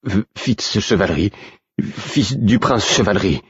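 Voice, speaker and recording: A man's voice: fairly low pitch, lively intonation, a little slow, slightly rough, highs cut off, voice pushed up, full character voice. A man voicing a nervous young castle guard who stammers but holds stubbornly to his orders.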